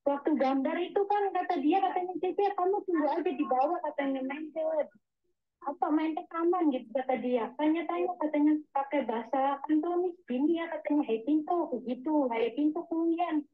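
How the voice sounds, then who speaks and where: A woman with a high voice tells her story over a tinny phone line. She rambles and keeps coming back to the same little filler words. She is a domestic helper working abroad, calling in to tell what happened to her. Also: fairly quick. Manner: rambling, repeats "gitu" and "Miss". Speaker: migrant domestic worker caller. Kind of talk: telling her story on a call.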